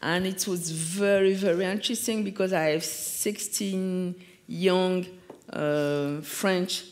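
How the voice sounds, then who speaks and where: A man's voice: sits high, steady tone, slow pace. A man who teaches art, speaking hesitantly at a panel and often searching for his English words. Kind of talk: panel conversation. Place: large hall with an audience.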